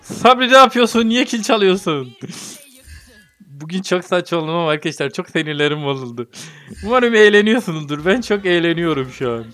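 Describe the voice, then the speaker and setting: A man's voice: high-pitched, animated, brisk, sharp tone. A young man from Turkey commentating his own mobile game like a football match, joking and grumbling at his teammates. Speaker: gaming streamer. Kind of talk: gameplay commentary.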